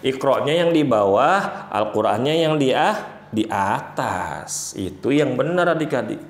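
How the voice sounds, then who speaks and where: A man's voice: mid-range voice, expressive, measured pace. A man teaching young children about the Quran in a playful way, speaking to them directly and acting out examples. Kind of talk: children's religious lesson. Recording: roomy echo.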